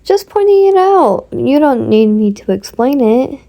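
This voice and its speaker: A woman's voice: sits high, big pitch swings, measured pace, mellow, full character voice. A woman voicing a whiny, teasing boy who complains and jokes as he climbs. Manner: playful, whining.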